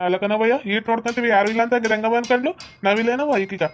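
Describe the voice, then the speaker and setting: A woman with a North Karnataka Kannada accent voicing a cartoon parent, talking in a flat, hurried way. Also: on the high side, a little hiss or hum. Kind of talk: cartoon voice acting.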